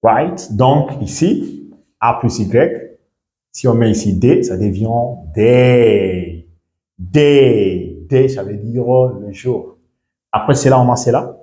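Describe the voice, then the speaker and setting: A man from Guinea teaching a lesson, repeating each word slowly and often asking whether the listener understands. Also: mid-range voice, warm tone, roomy sound. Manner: repeats words slowly, checks understanding with questions. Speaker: English teacher. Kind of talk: bilingual classroom lesson.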